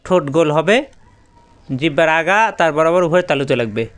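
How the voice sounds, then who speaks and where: A male Quran teacher whose native language is Bengali walks through Arabic letters one by one, stretching each sound out and repeating it for practice. His voice sits a little high and comes across smooth and resonant. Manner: methodical, repeats each letter name with drawn-out vowels. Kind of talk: spelling out Arabic letters with pronunciation drills.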